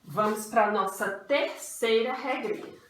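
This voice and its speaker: Brazilian female primary teacher, unhurried and repetitive delivery, recorded in a roomy space from a distance. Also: fairly high pitch, fairly bright tone. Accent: Brazilian Portuguese. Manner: patient, refers to herself as "tia", repeats rules slowly. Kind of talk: online grammar lesson for children. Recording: echoey room, voice from a distance.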